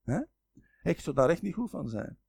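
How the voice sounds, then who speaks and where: Flemish male preacher, high gravelly voice, very lively delivery, dry close sound. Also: moderate pace, no echo. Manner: animated, dramatizes quoted speech with sudden loud and soft turns. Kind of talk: sermon.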